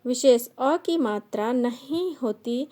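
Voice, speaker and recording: Slow, mellow-voiced woman teaching grammar. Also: fairly high pitch, expressive. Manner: dictates slowly, listing sounds one by one. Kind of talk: slow classroom grammar lesson.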